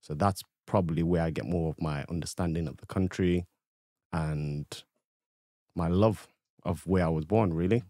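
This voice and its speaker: A young man from Ethiopia, a podcast guest telling his own story in an easygoing, relaxed way. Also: low voice, moderate pace, no echo, clean studio sound. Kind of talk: casual chat.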